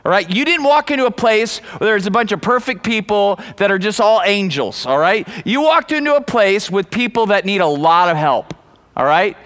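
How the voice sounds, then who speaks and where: A man's voice: high voice, lively intonation, normal speed, a bit bright. A middle-aged male pastor preaching a sermon in a conversational way, asking the congregation questions and often repeating words as he restarts.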